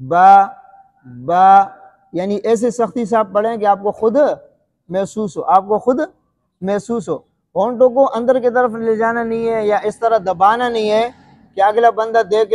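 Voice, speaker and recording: High-voiced man teaching Quran recitation. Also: a little mellow, long reverb tail. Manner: asks the listener questions and drills sounds aloud.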